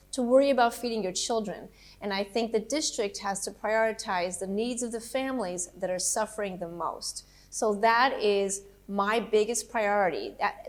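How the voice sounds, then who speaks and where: A middle-aged Colombian woman running for political office answers interview questions earnestly and steadily, keeping the focus on policy. Her voice is mid-range.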